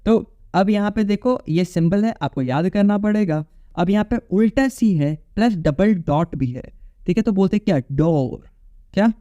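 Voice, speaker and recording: High-voiced man teaching, dark muffled sound. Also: moderate pace, dry recording. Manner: casual, repetitive, checks in with "okay?". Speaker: English teacher. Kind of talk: exam-prep phonetics lecture.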